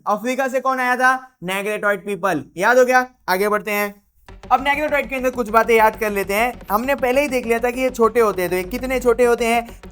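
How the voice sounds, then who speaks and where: A woman teaching an exam revision lesson, playful and chatty, drilling her points by asking questions and answering them herself. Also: mid-range voice.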